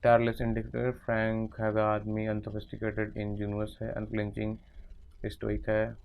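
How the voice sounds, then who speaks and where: A man's voice: lowish voice, monotone, moderate pace, vocal fry, narrow, tinny audio. A man teaching English vocabulary in Hindi, working through a vocabulary exercise aloud and murmuring word lists half to himself.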